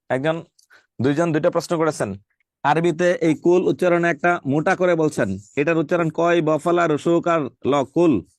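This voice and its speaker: Man, classroom teacher, emphatic, repeats himself, slightly high voice, dry sound. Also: no room sound. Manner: emphatic, repeats key points, spells words out slowly. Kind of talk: classroom lecture. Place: classroom with students.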